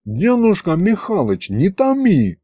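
A blunt young man, as a male narrator plays him, talking slowly in street slang. The reading is close and dry. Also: sits high, huge pitch swings, dark tone, dry recording, voice pushed up, heavily acted. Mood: pleading. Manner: slow, slangy, amazed.

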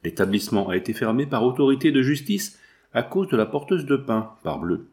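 Storybook gossip: blunt, emphatic townswoman, put on by a low-voiced male reader, lively pitch. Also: fairly quick, close to an everyday voice. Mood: excited.

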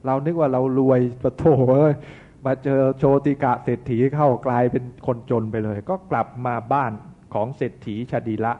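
A man's voice: medium pitch, moderate pace, hardly any pauses. A man, a Buddhist monk, giving a sermon that retells an old tale in a chatty, folksy way full of asides. The recording sounds tinny. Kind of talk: sermon with storytelling.

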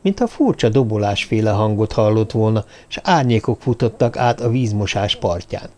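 A man narrating a suspense novel in a steady, measured audiobook reading. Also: lowish voice.

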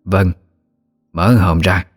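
A man voicing a stern elderly grandmother who speaks slowly and calmly with firm authority. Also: low voice, dry recording, faint music behind, exaggerated voice. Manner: slow, calm, authoritative.

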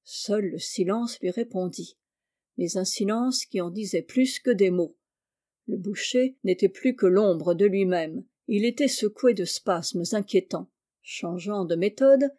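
A woman reading a crime short story aloud in a measured, steady narration. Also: mid-range voice. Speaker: story reader.

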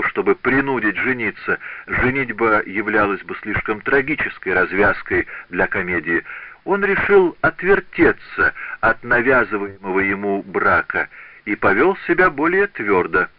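A man narrating a novel as an audiobook reader, with expressive literary reading. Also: lowish voice, moderate pace, dry recording. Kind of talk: scripted narration. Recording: dull, lo-fi dry audiobook recording.

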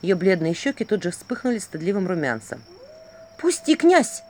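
Woman reading a fairy tale, lively. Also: fairly low pitch, fairly quick. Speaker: audiobook narrator.

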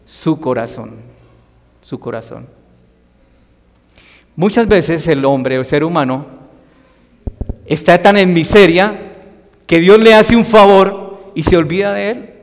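A man preaching a sermon in Spanish, emphatic and expressive, sometimes calling out loudly. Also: high voice, unhurried, pauses often, long reverb tail. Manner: emphatic, rising to loud acted cries for quoted voices.

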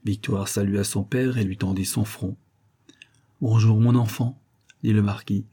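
A man narrating a classic novel as an audiobook in a measured, even delivery. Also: fairly low pitch, breathy edge.

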